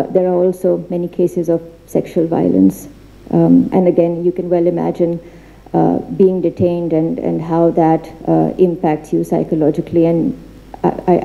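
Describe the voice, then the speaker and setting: A woman giving an earnest seminar talk in an institute library, halting often with fillers and restarts. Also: on the low side, vocal fry, dark tone, rough recording. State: becoming emotional. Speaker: seminar speaker. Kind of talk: formal seminar talk with slides.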